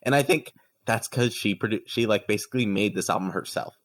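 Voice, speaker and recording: Chatty low-voiced podcast co-host. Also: male voice, brisk, a bit bright. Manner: chatty, opinionated, filler-heavy. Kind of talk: casual podcast chat.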